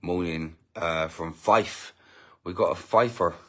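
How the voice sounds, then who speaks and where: A deep-voiced man talks through a casual live stream. He greets viewers from their comments, stops and restarts his sentences, and slips into indignant asides, all while he feeds his baby. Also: slow, a bit bright. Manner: rambling, self-interrupting, indignant asides. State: feeding a baby while talking. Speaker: family channel host reading live comments.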